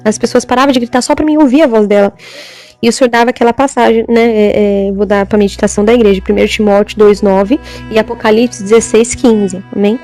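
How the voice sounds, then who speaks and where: Woman, fairly high voice, halting testimony, faint music behind. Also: fairly even intonation, mellow. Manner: halting, repetitive, with frequent "amém?". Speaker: church member giving testimony. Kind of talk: religious testimony.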